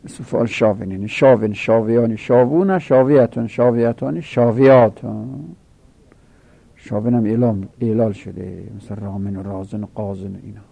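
A middle-aged male teacher with a gravelly, dark voice works through a grammar lesson. He recites word forms in rhythmic drills and lifts his voice to stress key rules. The sound is close and dry. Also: medium pitch, no room sound. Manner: rhythmic conjugation drills, rising emphasis.

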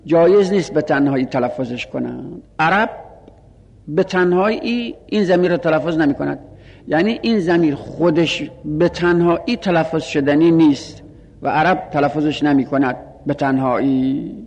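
A man teaching Arabic grammar in a seminary-style lesson, repeating each rule slowly and reciting Arabic phrases and pronoun lists. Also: a little high, darkish tone, big-room sound.

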